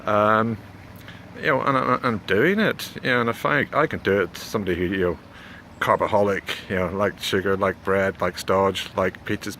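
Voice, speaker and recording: Male, forties, low pitch, hesitant conversational vlogger, recorded outside with faint background noise. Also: bright, forceful tone. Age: 40s. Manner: hesitant, halting, with repeated words and frequent "you know". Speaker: video blogger giving a health update. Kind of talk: casual rambling spoken vlog. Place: outdoors near a road. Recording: clear background noise, outdoors with passing traffic.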